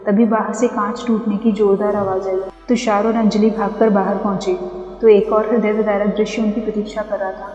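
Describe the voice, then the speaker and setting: A woman's voice: mid-range voice, level tone, a little fast, dark tone, highs cut off. A woman storyteller reading a horror tale in a dramatic, suspenseful way. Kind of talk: scripted horror narration. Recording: echoey reverb with background music.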